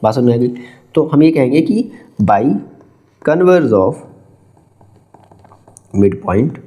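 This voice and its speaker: A man's voice: mid-range voice, big pitch swings, very slow, warm tone. A male math teacher, explaining a geometry lesson step by step and quizzing his students. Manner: mixes Hindi with English terms.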